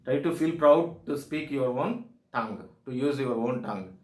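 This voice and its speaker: A man's voice: medium pitch, animated, normal speed, a little mellow. South Indian-accented man lecturing, echoey room. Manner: emphatic, repetitive, short declarative phrases. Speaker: soft skills trainer. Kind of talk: instructional presentation.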